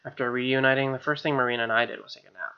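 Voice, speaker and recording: Very fast and smooth, with fairly even intonation and a medium pitch, a young man reads a visual novel aloud as a let's player. His delivery is casual, full of asides and gamer slang, against soft game music in slightly dull sound.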